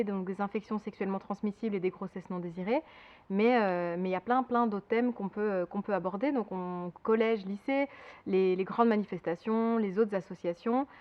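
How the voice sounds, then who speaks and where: A woman's voice: medium pitch, dull audio. A woman in her twenties from Belgium, director of a sexual health association, answering interview questions with many fillers and restarts. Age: 20s.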